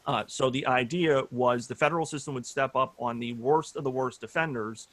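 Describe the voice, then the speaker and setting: A man's voice: medium pitch, moderate pace, fairly bright tone, no echo. A man in his thirties, a judicial candidate, answering forum questions earnestly with many "uh" fillers over a video call.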